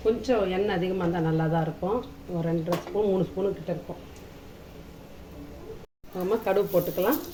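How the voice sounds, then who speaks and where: Fast-talking low-voiced woman cooking. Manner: homely, repetitive step-by-step instruction, addressing the viewer familiarly. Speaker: home cook demonstrating a recipe. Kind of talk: casual cooking demonstration. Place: indoor kitchen. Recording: roomy echo, kitchen sizzling noise.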